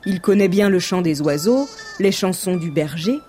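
A woman reading a children's storybook aloud in a gentle, calm way. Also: on the low side, moderate pace, faint music behind. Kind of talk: scripted storybook narration.

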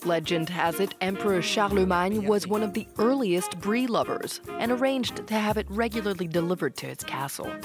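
A woman giving scripted documentary narration in a smooth storytelling delivery. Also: mid-range voice, moderate pace, hardly any pauses, over music.

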